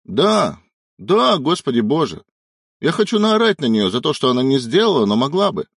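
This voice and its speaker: A man's voice: lowish voice, big pitch swings, measured pace, vocal fry, dry recording, studio quality, full character voice. A man voicing a grumbling young man with a wry, joking manner in an audiobook. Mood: exasperated.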